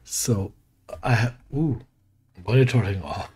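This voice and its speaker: A man with a German accent and a very deep, soothing voice, rambling through casual commentary on his game and correcting himself as he goes. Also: slow pace, a little mellow, slightly rough. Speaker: let's play host. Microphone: desk mic with equalizer.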